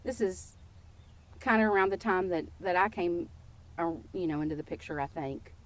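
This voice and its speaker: A woman's voice: on the low side, moderate pace. Playful woman telling stories. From Texas. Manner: lively, playful and warm-humored. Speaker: podcast guest. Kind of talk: casual storytelling.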